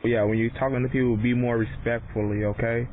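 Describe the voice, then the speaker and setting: A man with a medium-pitched voice argues in casual street talk. He is defiant and repetitive, lecturing the listener. The doorbell camera recording is thin and phone-like, with faint noise behind him. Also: flat delivery, fairly quick. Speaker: visitor arguing at a front door. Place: outdoors at a front door.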